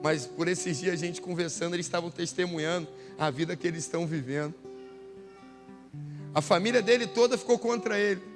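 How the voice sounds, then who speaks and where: A man's voice: sits high, fairly quick, long reverb tail, over music. A man preaching a sermon as a pastor, telling stories in a casual, slangy way. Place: church hall.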